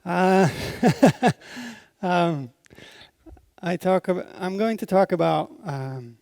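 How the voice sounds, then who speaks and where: A Belgian software consultant with a Belgian accent gives a technical conference talk, explaining things informally and checking in often with his listeners. His high voice is a little mellow with vocal fry, and he takes it slowly. The recording is dry.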